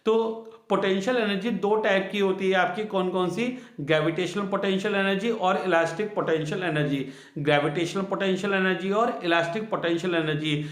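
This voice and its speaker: A man's voice: high-pitched, steady tone, fairly quick, echoey room. A male science teacher giving a classroom physics lesson, asking the students questions and repeating each key answer twice, with on the terms.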